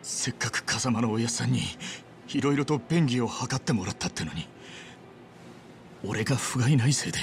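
A man's voice: mid-range voice, brisk, a little hiss or hum, natural voice. A man playing a troubled, deferential younger yakuza underling in a video game, subdued and uncertain. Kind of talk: dramatic video game acting.

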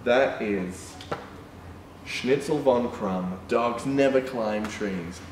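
A young man presenting storytime reads a picture book to children, animated and exclaiming, with excited gasps and asides. His medium-pitched voice moves extremely slowly. He's in an indoor room with a painted backdrop, picked up by a distant mic with roomy sound and background noise.

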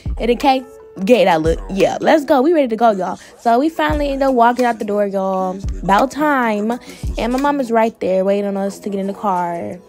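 A woman's voice: on the high side, lively intonation, brisk, a little mellow. Chatty teen girl vlogging, music behind. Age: teenager. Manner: chatty, keeps addressing viewers as y'all. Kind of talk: casual vlog talk to camera.

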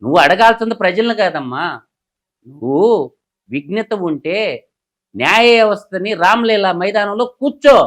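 A man, a political analyst who delivers heated commentary through rapid, combative rhetorical questions. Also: sits high, lively intonation, fairly bright tone.

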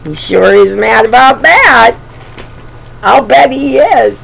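An older woman reads a storybook slowly and expressively to small children, talking to them with affection in a fairly high, fairly bright voice touched by vocal fry. The webcam sits at arm's length in a small bedroom, and the recording is noisy.

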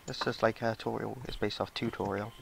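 A young man chatting while playing an online game with a friend, teasing and quick to laugh. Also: fairly low pitch, little pitch movement, gravelly, a crowd in the background. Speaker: co-player. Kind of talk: casual gaming chat.

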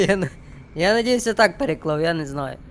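With a fairly high, animated voice and a slightly quick pace, a young man jokes through his let's play, talking to the game and the people watching. A faint hiss or hum sits under the recording.

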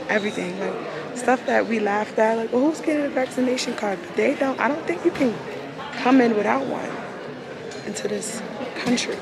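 A woman's voice: a little high, noisy background. Woman vlogging through a face mask. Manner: chatty, addresses viewers directly. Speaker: travel vlogger. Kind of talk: casual vlog talk to camera. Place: airport terminal, indoors.

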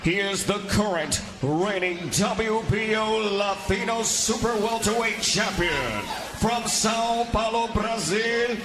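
High-pitched, theatrical male boxing ring announcer, echoing. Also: over music. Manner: theatrical, drawn-out booming introductions of names. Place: boxing ring in an event venue. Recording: echoing arena PA with loud background noise.

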